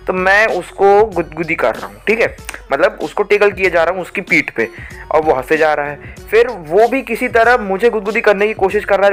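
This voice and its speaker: Young male storyteller from India, lively rambling delivery over light background music. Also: high voice. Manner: rambling, animated, restarts often, acts out teachers. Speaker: storytime vlogger. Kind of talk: casual storytelling monologue.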